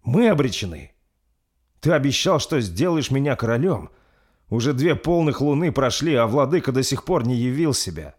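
A man's voice: medium pitch, very animated, normal speed, slightly rough, voice pushed up. A man voicing a young prince who pleads anxiously in a raised voice. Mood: pleading.

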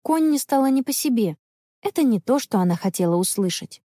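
A woman narrating a children's story aloud in an expressive, storytelling manner. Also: on the high side, brisk, no echo. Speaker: audiobook narrator.

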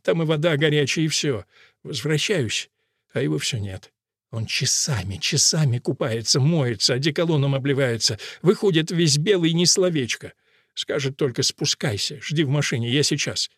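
A man's voice: on the high side, animated, normal speed, breathy edge, no echo, studio quality, heavily acted. A man reading a plaintive, complaining chauffeur. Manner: complaining, moaning, hushed. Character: troubled male chauffeur confiding in a woman, plaintive. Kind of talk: audiobook reading.

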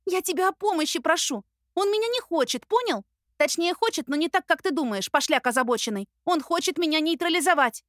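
Brief: woman voicing flustered young heroine, pitched up high, sharp-tongued, close dry read. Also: lively intonation, dry recording. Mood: indignant. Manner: agitated, breathless, rapid complaints.

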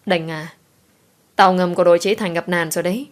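A woman's voice: fairly low pitch, steady tone, fairly quick, natural voice. A woman reading an audiobook voices a worried young female friend who speaks urgently.

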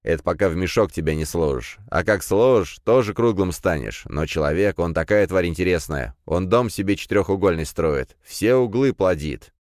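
A man voicing a calm, worldly middle-aged crime boss who talks unhurriedly, in an audiobook. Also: deep voice, moderate pace, hardly any pauses, no echo, studio quality.

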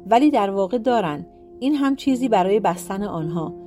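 A woman's voice: mid-range voice, lively intonation, music in the background, lightly acted. A woman voicing a spiteful old witch woman who is stubborn and cries out shrilly. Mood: defiant.

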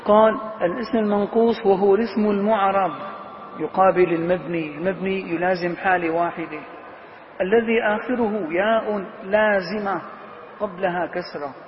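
Brief: male grammar teacher, high voice, quizzes the class and answers himself, dull lo-fi recording with a long hall echo. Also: fairly even intonation, a little hiss or hum. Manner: asks questions and answers them himself; repeats key words slowly for emphasis.

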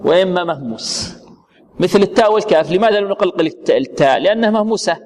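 A man teaching Quran recitation rules, quizzing his students and answering his own questions with halting restarts. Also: high voice, animated, darkish tone, big-room sound. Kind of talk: tajweed lesson with questions to students.

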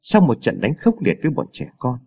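A man with a husky, breathy voice narrates a scripted horror story. His pitch swings widely as he dramatizes the tense moments. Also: big pitch swings, brisk, mellow.

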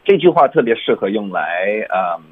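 A man teaching English pronunciation in Chinese, mixing in English and slowly repeating phrases sound by sound. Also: fairly low pitch, sing-song, breathy edge, dry recording, narrow, tinny audio. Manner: breaks sentences into sounds and repeats them slowly.

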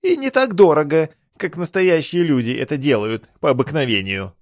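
A man voicing a fat, cackling male bathhouse spirit with a high, teasing, wheedling voice. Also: animated, normal speed, no room sound, clean studio sound, lightly acted. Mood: sly.

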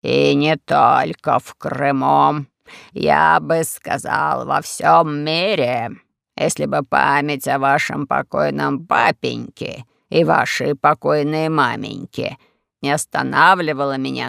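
A man's voice: on the high side, steady tone, slow pace, gravelly, fairly bright tone, no echo, clean studio sound, voice pushed down, heavily acted. A man voicing a sly, pompous old male castle lord in an audiobook, drawling each word with mock courtesy. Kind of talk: audiobook character voice.

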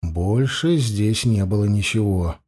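Dark-voiced male audiobook narrator. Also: lowish voice, a little slow, breathy edge. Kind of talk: scripted narration.

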